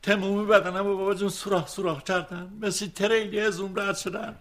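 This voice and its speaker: A man's voice: high voice, fairly even intonation, fairly bright tone. An actor playing a stubborn, grumbling bedridden old father who complains to his son. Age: older. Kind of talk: TV comedy drama.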